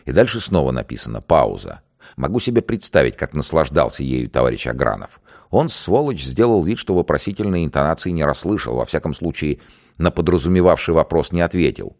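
A man narrating and commenting on a historical record in an expressive, wry storytelling manner. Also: very deep voice, a little fast.

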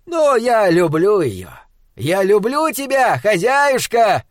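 Male reader doing a loud, drawn-out, jovial plump shopkeeper, high and slow, dry. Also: sing-song, no room sound, exaggerated voice. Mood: theatrical. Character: jolly plump rosy-cheeked male shopkeeper, teasing.

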